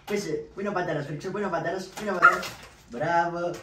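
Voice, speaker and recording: A man voicing a brash, scheming trickster who scolds and shouts orders, in a shadow puppet play, with roomy echo and distant mic. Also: fairly high pitch, a little hiss or hum, natural voice. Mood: bossy. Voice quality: loud, scolding.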